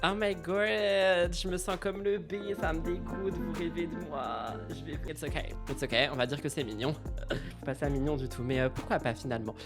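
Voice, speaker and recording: A man's voice: fairly high pitch, brisk, over loud music. A man hosting a casual live stream, chatty and theatrical, with mock outrage and lots of fillers. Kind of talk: casual live-stream chat about celebrity gossip.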